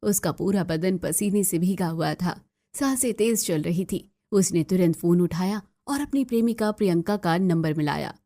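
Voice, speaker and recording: A woman narrating a cartoon story in an even storytelling manner. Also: on the low side, normal speed. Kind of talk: scripted narration.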